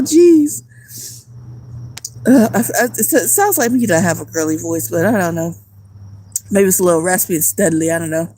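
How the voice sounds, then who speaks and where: At night outdoors, a homeless vlogger and music producer chats casually on a phone livestream, rambling in slang. Her voice sits on the lowish side.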